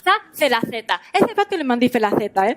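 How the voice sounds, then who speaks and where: A woman's voice: fairly high pitch, big pitch swings, fast talker, noisy background. A young woman comedian on stage, voicing a bubbly Spanish woman who teaches a language class in French with a Spanish accent, playful and teasing the audience. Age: young adult. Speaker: stand-up comedian. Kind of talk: stand-up character act. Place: theatre stage before a live audience.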